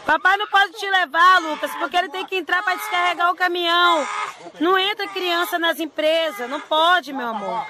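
Very high-voiced woman coaxing her child. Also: a little fast. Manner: coaxing and pleading, often calling out loudly. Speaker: mother filming her son. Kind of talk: home video, talking to her child and viewers. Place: outdoors in the rain. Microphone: handheld phone. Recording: noisy outdoor phone recording.

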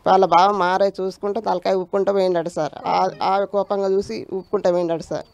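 A woman's voice: mid-range voice, little pitch movement, brisk, vocal fry, a little mellow. An older woman with a Telangana accent gives a distressed account to a reporter, repeatedly calling him sir. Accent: Telangana Telugu. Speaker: victim's mother. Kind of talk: emotional interview testimony.

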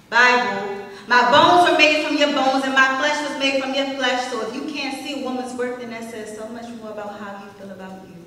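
A woman's voice: fairly high pitch, sharp tone. Young woman performing emphatic spoken word. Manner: rhythmic, emphatic, confrontational delivery with rising punch lines. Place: small arts center stage, indoors. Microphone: stand mic, filmed from the audience. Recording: echoey hall, voice from far off.

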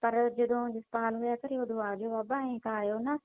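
A woman's voice: a little high, steady tone, fairly quick, dry recording. A woman on a phone call, talking bluntly and scolding the caller. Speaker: call recipient. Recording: tinny phone line.

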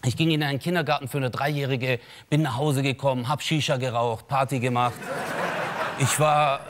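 A man's voice: mid-range voice, normal speed, background noise. A man in his thirties delivering an ironic stand-up monologue in a satire show, talking straight to the audience. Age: 30s. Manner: animated, ironic, addresses the audience as "Leute". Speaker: comedian.

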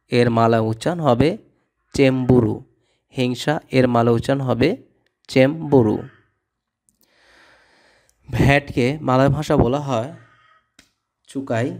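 A man teaching vocabulary, reading each word and its meaning and repeating it in a steady drill. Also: mid-range voice. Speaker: language tutor. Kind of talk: scripted vocabulary lesson.

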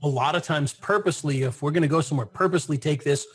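A man's voice: on the high side, fast talker, slightly rough. A man speaking as an interview guest in a casual conversation, often repeating his first words and laughing.

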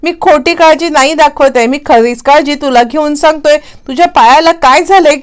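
Brief: anxious, pleading young husband, put on by a woman reader, pitched high and tense. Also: moderate pace, lightly acted. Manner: pleading, coaxing questions. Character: caring worried husband, young man.

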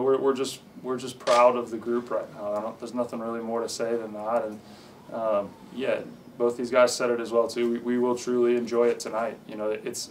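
A man in his thirties, a head coach, answering press questions in a measured way with many fillers and restarts, in an indoor press room. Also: on the low side, far from the mic, slight background noise, poor audio. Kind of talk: postgame press conference answers.

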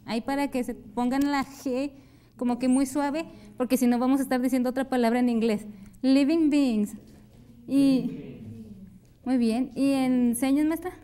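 High mellow-voiced woman teaching English. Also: steady tone, moderate pace, a little hiss or hum. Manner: drills English pronunciation, repeats words, short affirmations. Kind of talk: televised classroom lesson.

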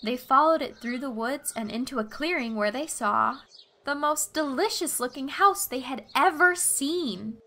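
Woman, children's story narrator, expressive, slows for emphasis, bright, somewhat high.

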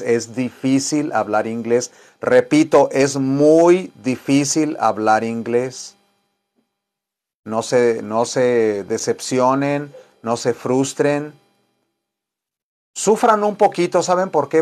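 A man with a Mexican Spanish accent teaching an English lesson, rambling and encouraging, slowing down to model example sentences. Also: on the high side, darkish tone.

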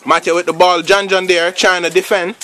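A man giving casual, slangy play-by-play commentary on a pickup football game, rambling between plays and shouting at the big moments. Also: high-pitched, level tone, a little fast, a little hiss or hum. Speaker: amateur commentator.

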